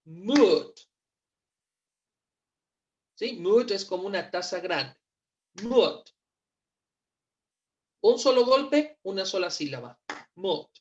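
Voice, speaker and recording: A woman teaching English in in an online class, patient and repeating each word slowly for pronunciation. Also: medium pitch, very animated, highs cut off. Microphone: computer mic on a video call.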